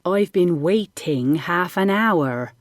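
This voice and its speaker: A woman voicing an earnest, soft-spoken farm boy. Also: on the low side, normal speed, dry recording, studio quality, lightly acted. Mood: shy.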